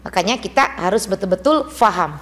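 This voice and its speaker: A woman's voice: mid-range voice, expressive, fairly bright tone. A woman teaching Quran recitation rules to a women's study group in a mosque, quizzing the class as she goes. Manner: brisk, asks the class questions and drills responses.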